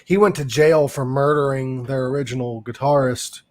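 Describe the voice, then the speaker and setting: Speaking at normal speed with a mid-range voice and fairly even intonation, this podcast host chats casually, fussily setting details straight and laughing at dark jokes in his talkative manner.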